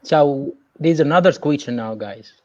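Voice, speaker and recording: A man's voice: a little high, a little slow. Man moderating over a muffled call line. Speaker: webinar moderator.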